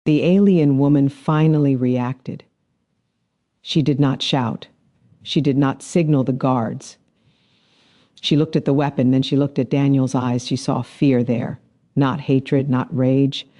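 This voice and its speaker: A man narrating a science fiction story in a measured, dramatic storytelling manner. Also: mid-range voice, steady tone, mellow. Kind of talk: scripted narration.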